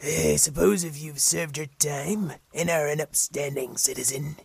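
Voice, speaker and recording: A man playing a nosy, suspicious detective who talks in an excitable, accusing way. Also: a little high, measured pace, vocal fry, breathy edge, no room sound, exaggerated voice. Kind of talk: improvised comedic audio fiction.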